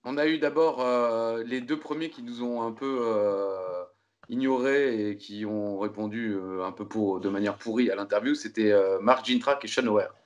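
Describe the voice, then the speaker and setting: A man hosting a podcast, chatting casually in a relaxed way with many hesitations. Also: mid-range voice, moderate pace, highs cut off. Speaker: podcast host.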